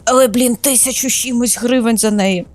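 A woman streamer chatting casually while playing a shooter for the first time, excitable, squealing and laughing at surprises. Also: a little high, a little fast. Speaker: gaming streamer. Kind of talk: casual let's-play commentary.

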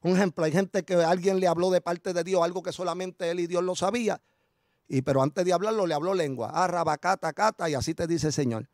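Middle-aged Puerto Rican male pastor, high voice, animated storytelling sermon, dry sound. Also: brisk, dry recording. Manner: animated storytelling preacher, chuckles, addresses congregation as brother.

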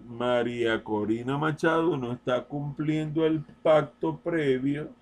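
Slow, insistent man. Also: medium pitch, gravelly, darkish tone. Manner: slow, deliberate, repeats points emphatically; addresses listener directly, insistent. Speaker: political commentator. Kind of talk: open-letter political monologue.

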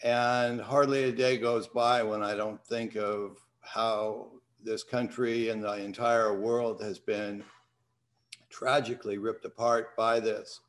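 This older male host speaks on the low side, with a flat delivery and a fairly bright tone. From his home study on a video call, he talks in an unhurried, reflective way and reads a poem, captured through the webcam microphone.

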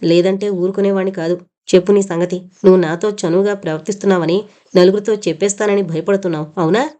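A man's voice: sits high, steady tone, fast talker, mellow, lightly acted. A woman voicing a protective, impatient young man in an audio novel. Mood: stern.

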